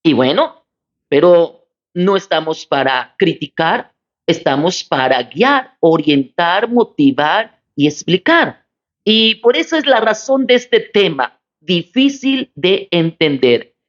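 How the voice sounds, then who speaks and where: Slow, deliberate woman pastor teaching scripture. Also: fairly low pitch, sing-song. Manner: slow, deliberate, repeats key phrases and asks "¿sí?". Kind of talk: Bible study teaching. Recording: slightly dull lo-fi recording.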